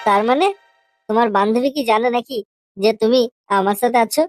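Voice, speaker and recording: A woman's voice: fairly high pitch, brisk, faint music behind, natural voice. A woman voicing a crude, pushy young boyfriend in a comedy cartoon, using coarse slang and a wheedling, teasing manner.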